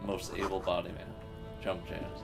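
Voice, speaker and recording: A man's voice: deep voice, completely flat delivery, moderate pace, loud music behind the voice. A man in casual let's-play commentary, laid-back, joking and swearing as he plays. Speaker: gamer playing a video game.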